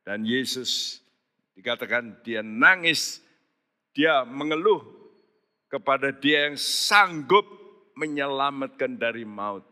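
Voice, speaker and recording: A man preaching a sermon as pastor, emphatic and rising to loud exhortation. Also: mid-range voice, animated, slow pace, long pauses. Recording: long hall reverb.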